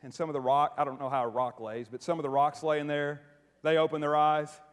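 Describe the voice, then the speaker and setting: High-voiced joking preacher in a reverberant hall. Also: male voice, brisk. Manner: animated, joking preacher with frequent "right?" asides to the congregation. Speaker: pastor. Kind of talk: sermon. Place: church sanctuary. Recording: long reverb of a large hall.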